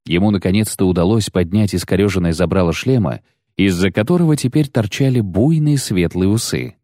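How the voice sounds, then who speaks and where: A man narrating a fantasy audiobook in a steady, measured reading. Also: low voice, dry recording, clean studio sound.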